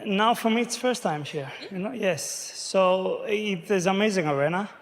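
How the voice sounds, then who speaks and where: A male athlete speaks in a high voice, with halting, simple phrasing as a non-native English speaker. It is a post-event interview recorded in a reverberant arena. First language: not English. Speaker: competing athlete.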